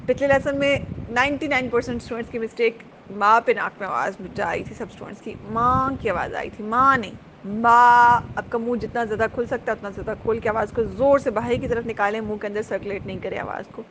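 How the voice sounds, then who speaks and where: Brief: fairly high-voiced woman, patient recitation teacher, faint hiss behind. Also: fairly bright tone. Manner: patient, repeats sounds slowly, drawls recited words. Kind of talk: tajweed lesson, explaining letter sounds.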